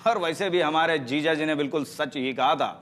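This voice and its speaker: A man's voice: on the high side, a little fast. Cocky quarrelsome sitcom man. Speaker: sitcom character, brother-in-law. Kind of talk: sitcom acting. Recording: TV sitcom with loud music bed.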